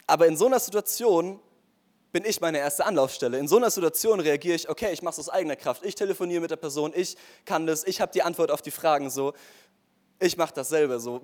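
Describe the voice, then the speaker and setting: A young man giving an earnest, casual sermon-style testimony, speaking straight to his listeners with frequent fillers. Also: a little high.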